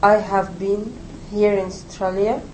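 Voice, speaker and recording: A young woman speaks slowly in simple, halting English. She talks about herself in a classroom exercise. The room behind her is noisy. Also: medium pitch, flat delivery. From Egypt. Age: 20s. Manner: simple, halting answers with light laughter. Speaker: English language student. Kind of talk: classroom interview practice.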